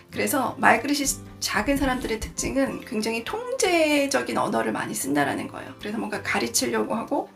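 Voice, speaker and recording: A woman in her forties talks through a book on her channel, candid and confessional, sometimes acting out remembered dialogue. Her voice sits a little high, with a gravelly, creaky edge. Quiet music plays underneath. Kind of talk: casual reflective book talk. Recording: soft background music.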